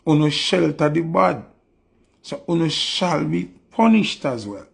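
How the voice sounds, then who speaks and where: Gravelly, high-voiced Jamaican man ranting. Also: lively intonation, slow pace. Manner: preachy, confrontational, repeats rhetorical questions. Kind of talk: ranting monologue.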